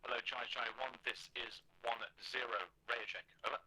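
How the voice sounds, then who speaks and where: Man doing quick radio checks over a helmet radio. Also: mid-range voice, flat delivery, bright, forceful tone, poor audio.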